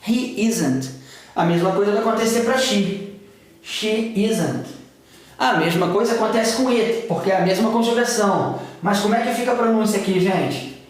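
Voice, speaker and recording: A man's voice: high-pitched, a little fast. A Brazilian man teaching English grammar in a chatty way, often checking in with his students as he writes on a board. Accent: Brazilian Portuguese. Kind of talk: explaining grammar at a whiteboard. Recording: echoey room.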